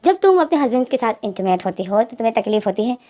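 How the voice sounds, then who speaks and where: A woman's voice: on the high side, big pitch swings, fast talker, dark tone, pitched below the performer's own voice. A woman voicing a stern, insistent female doctor in a told story, firm and lecturing. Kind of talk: storytelling with acted dialogue.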